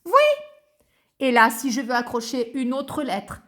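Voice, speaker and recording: A woman's voice: on the high side, steady tone, moderate pace, a bit bright. A woman teacher patiently explaining cursive handwriting to young children, step by step.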